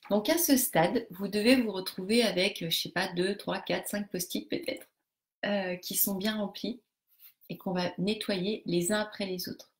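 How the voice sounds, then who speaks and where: A woman with a medium-pitched, steady voice runs a live group coaching session at normal speed. She explains a technique step by step, talking directly to participants, but hesitates often with many fillers and restarts.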